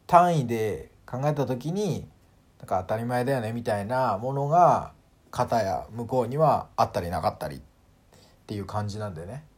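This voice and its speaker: A man hosting a casual solo audio talk, animated and full of fillers, acting out sounds as he explains. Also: on the low side. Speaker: podcast host.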